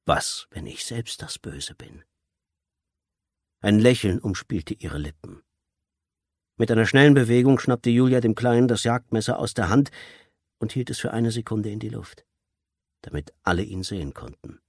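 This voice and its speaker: A man narrating an audiobook in a measured, tense storytelling manner. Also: lowish voice, expressive, a little mellow, breathy edge, dry recording, studio quality. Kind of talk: scripted narration.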